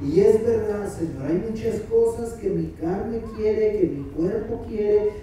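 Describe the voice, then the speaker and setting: A man, a pastor leading a sermon who prays aloud fervently and then explains in a softer, conversational way. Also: sits high, lively intonation, slow, noisy background. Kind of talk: sermon with spoken prayer. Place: church sanctuary. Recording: very echoey church hall, mic far off.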